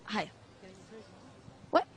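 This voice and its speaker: A woman's voice: extremely slow, a little hiss or hum. A woman reporter conducting a mock news interview in an earnest, straight-faced way.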